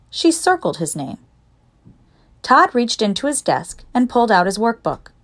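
A woman narrating a children's storybook in a lively, expressive reading voice. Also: mid-range voice. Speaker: audiobook narrator.

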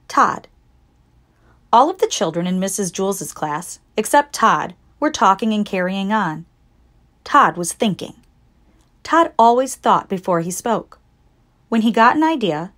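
A woman narrating a children's storybook in a lively, expressive reading voice. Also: mid-range voice. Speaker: audiobook narrator.

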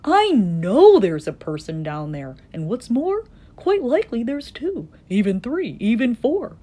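A woman voices a gentle, protective male elephant from a children's storybook. Earnest and emphatic, her unhurried delivery often lifts high with big, wide swings of pitch. He pleads sincerely on behalf of those smaller than himself, in a mood of earnest pleading.

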